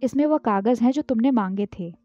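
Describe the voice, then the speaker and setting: A gently questioning aunt, as a woman reads her. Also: fairly high pitch, brisk, no room sound, soft background music, close to an everyday voice. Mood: concerned. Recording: dull, dry, lo-fi.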